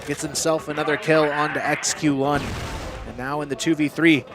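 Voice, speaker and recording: A man's voice: fairly high pitch, flat delivery, normal speed. A man doing live esports caster commentary, narrating the match play by play over crowd and game noise.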